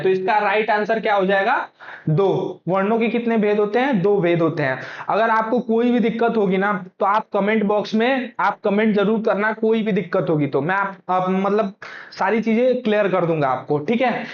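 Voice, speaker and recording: A man's voice: sits high, moderate pace. A man teaching for exam prep, who keeps asking his own questions and then answering them. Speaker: Hindi teacher. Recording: echoey room, dull lo-fi sound.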